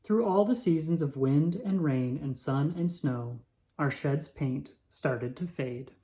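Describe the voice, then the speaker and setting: Here a narrator shares a children's picture book aloud, expressive but measured, with a voice pitched in the mid range.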